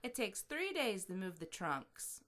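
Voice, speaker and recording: A young woman gives casual podcast commentary, rattling off facts and teasing her co-host. Her voice sits at a middle pitch, and she is playful as she goes along with the jokes. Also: very animated, measured pace, fairly bright tone. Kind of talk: casual commentary over festival video.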